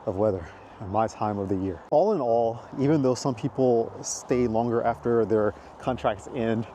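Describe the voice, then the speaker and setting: A casual walking vlog features an American man chatting in a rambling, filler-laden way along a city park walkway. He has a mellow, mid-range voice at a moderate pace, over slight background noise.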